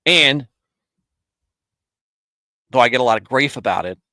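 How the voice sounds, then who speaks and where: A man's voice: mid-range voice, expressive, measured pace, sharp tone, no room sound. A man in his thirties hosting a casual live stream, answering viewers in a rambling, self-correcting way and chuckling often. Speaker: streamer hosting a Bible show.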